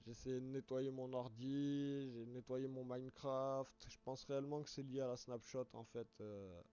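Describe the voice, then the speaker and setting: A man with a hoarse voice, casually talking viewers through a game on a live stream, rambling and restarting words as he explains each step. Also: mid-range voice, steady tone, normal speed, dark tone. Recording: dull lo-fi stream audio.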